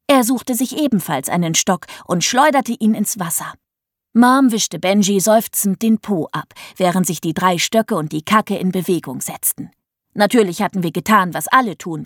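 A woman tells a comic first-person children's story in a playful, teasing way and speaks straight to her young listeners. Her pitch swings widely and with a lot of life. The recording is close and dry, like a studio audiobook. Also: dry recording. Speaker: audiobook narrator.

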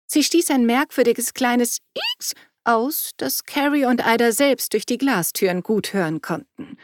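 A woman reading a novel aloud in an even storytelling delivery. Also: on the high side, measured pace, no echo. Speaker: audiobook narrator. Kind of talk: scripted narration.

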